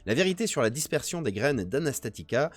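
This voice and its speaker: A man's voice: mid-range voice, very animated, a little fast, faint music behind. A French man streaming, reading a botany text aloud and chatting with viewers, joking between passages. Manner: reads text aloud then jokes and chats with viewers. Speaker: Twitch streamer doing a nature press review. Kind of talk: casual live-stream reading and commentary.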